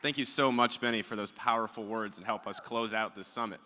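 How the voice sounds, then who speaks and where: A man emceeing a summit, brisk and moving the program along. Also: fairly low pitch, sharp tone. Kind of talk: event hosting. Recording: reverberant hall with faint noise.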